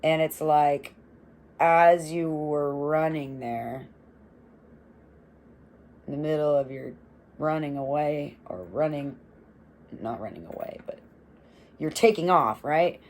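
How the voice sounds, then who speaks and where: A young adult woman giving a casual tarot reading, swearing freely, laughing often and rambling in an animated way. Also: sits low, slow pace, long pauses. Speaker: tarot reader.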